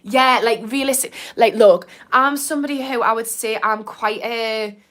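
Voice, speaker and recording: With a fairly high-pitched, fairly bright voice at normal speed, a woman in her thirties hosts a mindset livestream. Originally from Newcastle, England, and formerly a therapist, she speaks with a mild northern accent, chatting frankly, advising viewers, reading their comments, and using "like" a lot.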